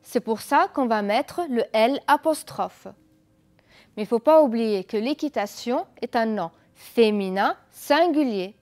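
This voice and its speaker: A woman's voice: a little high, expressive, measured pace, a little mellow. A woman teacher giving a televised school lesson, explaining patiently, asking pupils questions and praising their answers. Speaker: French teacher.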